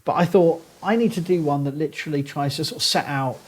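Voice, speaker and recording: Husky, posh Southern English man. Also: on the high side, fast. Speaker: guest archaeologist. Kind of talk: conversational podcast interview.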